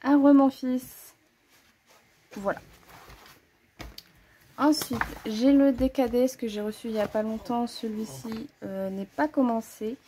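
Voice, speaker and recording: A woman's voice: fairly high pitch, fairly even intonation, a little slow, long pauses, dark tone, slight background noise. A woman casually showing her coloring books to the camera, chatty, thinking aloud and correcting herself as she goes. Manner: frequent hesitations and "voilà" fillers. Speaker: coloring-book hobbyist presenting her collection. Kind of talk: casual show-and-tell chat to camera.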